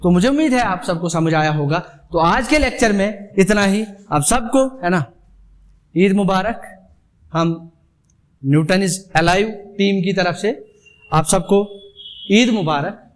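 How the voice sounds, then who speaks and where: A man's voice: high-pitched, a little slow, long pauses. A male math teacher giving a classroom lecture, addressing students as "beta", mixing Hindi and English, and repeating points with rhetorical questions.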